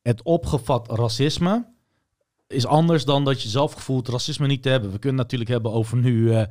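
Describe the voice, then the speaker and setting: A man in a casual discussion, animated, often hesitating and searching for words. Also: mid-range voice, a little fast. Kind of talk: casual chat.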